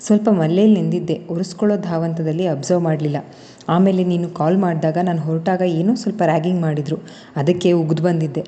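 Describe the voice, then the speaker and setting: A woman's voice: lowish voice, mellow, big-room sound, close to an everyday voice. A woman voicing a frightened young woman student who pleads with her boyfriend. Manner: pleading and fearful.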